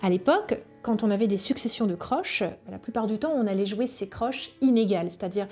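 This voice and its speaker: A woman cello teacher calmly explaining a book about music, sometimes singing rhythms on a syllable. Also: medium pitch, brisk. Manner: calm explanatory, sings rhythms on "ta".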